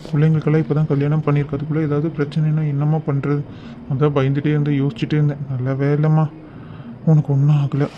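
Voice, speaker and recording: A woman voicing a worried, gentle middle-aged husband in a cartoon, talking in a soothing, reassuring way. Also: low voice, level tone, quick pace, lo-fi sound, noisy background, pitched below the performer's own voice, natural voice. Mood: concerned.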